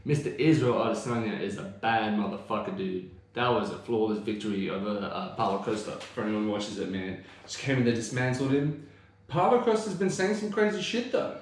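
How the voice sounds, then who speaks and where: A man's voice: fairly low pitch, brisk, heavy reverb. A man from Australia, co-hosting a podcast in casual, rambling chat full of swearing. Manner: swearing, laid-back, rambling. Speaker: podcast co-host.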